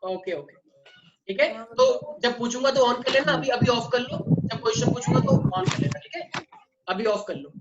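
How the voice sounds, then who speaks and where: A man's voice: very high voice, big pitch swings, moderate pace. Quizzing male physics teacher, online class. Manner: mixes Hindi and English, constantly quizzes students. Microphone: online class microphone. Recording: muffled online audio with faint noise.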